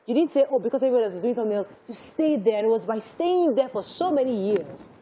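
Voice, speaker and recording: A woman hosting a talk show, chatting casually with a guest, reacting and adding quick asides. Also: fairly high pitch, sing-song, mellow, slight background noise. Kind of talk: casual chat.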